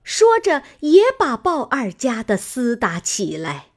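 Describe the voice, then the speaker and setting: A woman reading a classic novel aloud as an audiobook narrator, with expressive, dramatic storytelling. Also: fairly high pitch, slow, breathy edge.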